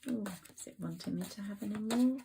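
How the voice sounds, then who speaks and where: A woman's voice: medium pitch, brisk, gravelly, background noise. A woman reading tarot cards to her viewers in an effusive, rambling, sentimental way. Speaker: tarot reader. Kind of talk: tarot card reading to camera.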